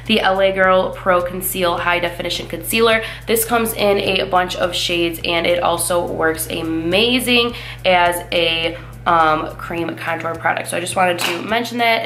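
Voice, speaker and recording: This beauty vlogger, a woman in her twenties, has a lower voice with a fairly bright tone. She walks viewers through a casual makeup tutorial in a chatty, upbeat manner full of filler words, sounding nasal as her cold fades.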